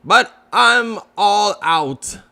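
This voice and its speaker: Man voicing fussy, high-pitched Rabbit. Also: animated, extremely slow, pushed and bright, heavily acted. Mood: matter-of-fact. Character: brisk, knowing male storybook rabbit.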